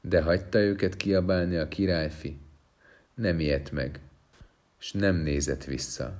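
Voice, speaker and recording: A man reading a fairy tale aloud with expressive, dramatic storytelling. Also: sits low.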